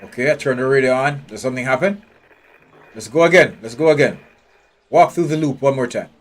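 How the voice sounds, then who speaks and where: Here a man talks a bit fast in a mid-range voice as he plays a game on stream. He's blunt and swears freely, reasoning aloud and nitpicking everything. The audio comes through a desk mic while he wears headphones, with game music faintly audible.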